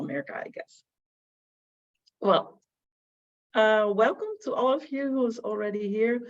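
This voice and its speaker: A woman advisor giving an online information presentation for prospective students, hesitant and full of fillers. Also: mid-range voice. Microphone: video call. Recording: muffled lo-fi video call audio.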